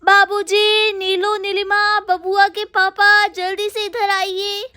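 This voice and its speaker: A woman's voice: very high voice, fairly even intonation, a bit bright, dry recording, studio quality. A woman playing a put-upon young daughter-in-law. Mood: complaining. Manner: hurried, complaining. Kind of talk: doll cartoon storytelling.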